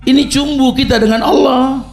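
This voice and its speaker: A man's voice: extremely high pitch, steady tone, normal speed, soft background music. A middle-aged man preaching a humorous sermon, telling stories and chanting Arabic recitations.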